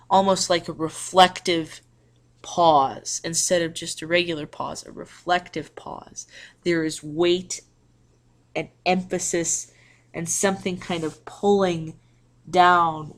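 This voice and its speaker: A woman teacher with a fairly low voice explains a lesson to her class in a recorded video. She talks slowly and carefully and often restarts her phrases. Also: fairly bright tone. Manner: slow, deliberate explaining with restarts.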